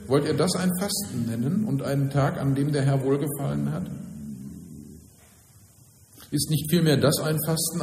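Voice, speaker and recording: Pastor guy preaching in a church, mellow dark voice, lots of echo and long reverb. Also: a little high. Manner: solemn declaiming reading, then plain conversational preaching. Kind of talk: scripture reading and sermon.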